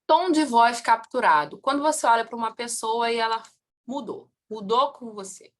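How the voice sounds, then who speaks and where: Lively Rio-woman lecturing a class. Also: a little high, moderate pace. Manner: asks the class rhetorical questions and answers them; lively, swings in loudness and pace. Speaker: family constellation teacher.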